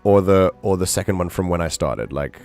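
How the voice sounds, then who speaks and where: A man's voice: low-pitched, fairly quick, a little mellow, soft background music. A man chatting casually as he streams a game, in a rambling, hesitant way. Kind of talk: casual livestream chat.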